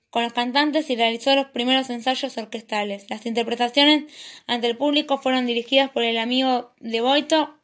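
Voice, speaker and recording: A woman hosting a podcast, reading a history narration in a steady way and signing off warmly at the end. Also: high-pitched. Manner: steady reading with a warm sign-off. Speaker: podcast host. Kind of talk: read-aloud history narration.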